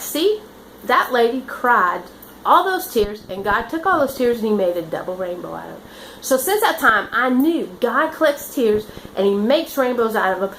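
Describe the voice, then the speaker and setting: A woman's voice: on the high side, a bit bright, slight background noise, poor audio. A woman who works as a nurse, telling her stories in a rambling, earnest way with many restarts. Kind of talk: casual storytelling.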